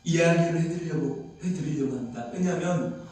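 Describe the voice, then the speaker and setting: High-voiced pastor preaching in an echoey hall. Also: male voice, brisk, darkish tone, far from the mic. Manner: asks the congregation many questions, acts out quoted voices. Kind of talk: sermon. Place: prayer retreat hall.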